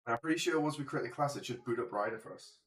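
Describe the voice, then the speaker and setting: A game developer streams his coding session live, talking into a desk microphone at his computer in a medium-pitched, fairly bright, very fast voice that sounds slightly worn. He thinks out loud and mutters to himself as he works, poking fun at himself along the way.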